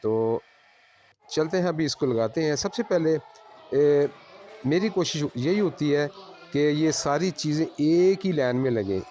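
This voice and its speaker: A man working as a solar installer, giving a plain, unhurried on-site explanation of his work to viewers at a house. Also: on the high side, expressive, dark tone.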